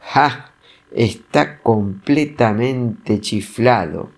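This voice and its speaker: A man's voice: medium pitch, very slow. A man voicing a vain, hot-tempered lion who boasts and roars in a storybook reading. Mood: mocking. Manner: boastful, roaring. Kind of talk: storybook voice acting.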